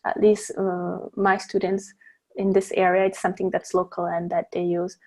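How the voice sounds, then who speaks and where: A woman's voice: fairly low pitch, level tone, moderate pace, darkish tone. A woman teaching a live online class on blending essential oils. She explains step by step, with frequent fillers and restarts, over a video call. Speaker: guest presenter teaching essential oil blending.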